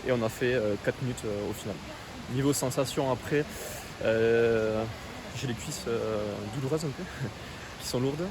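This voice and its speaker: Mid-pitched man over noticeable background noise. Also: a little slow. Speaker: test participant. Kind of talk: casual interview answer. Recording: clear vehicle and ambient noise.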